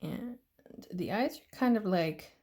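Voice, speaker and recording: A woman's voice: medium pitch, expressive, slow, darkish tone. A Canadian woman hosting a nail art tutorial, chatting casually and playfully with jokes and silly sounds. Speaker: nail art channel host.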